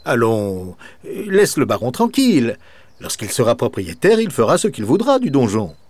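A man's voice: mid-range voice, wildly swooping pitch, normal speed, darkish tone, breathy edge, no echo. A man voicing an agreeable, deferential father in a children's storybook. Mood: placating. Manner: placating.

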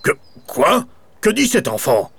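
A man's voice: a little high, very animated, normal speed, creaky, pushed and bright, breathy edge, no echo, pitched above the performer's own voice, heavily acted. Baron Grogne-Bougon, a man doing a grumpy baron. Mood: startled. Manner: haughty, curt. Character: grumpy little baron who hates children.

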